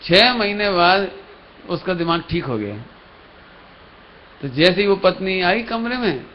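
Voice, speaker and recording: A man's voice: high voice, expressive, unhurried. A man preaching a Jain sermon, telling a story and acting out the characters' lines, asking his listeners questions. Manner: storytelling, acts out characters' dialogue, asks the audience questions. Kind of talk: sermon with acted story voices. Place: lecture hall at a religious camp. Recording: dull live stream audio with faint hiss.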